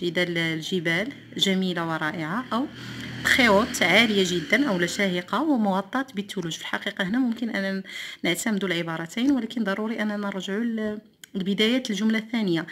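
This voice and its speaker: Moroccan woman, primary French teacher, deliberate dictation pace with brisk asides. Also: mid-range voice, fairly bright tone. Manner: slow deliberate dictation of words, switching to quick explanations. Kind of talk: classroom lesson explaining French exercises in Moroccan Arabic.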